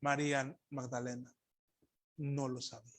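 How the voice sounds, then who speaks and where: A man preaching a sermon, calling his listeners brothers and asking rhetorical questions, moving from loud emphatic lines to quiet murmured asides. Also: medium pitch, level tone, unhurried, no room sound. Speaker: pastor.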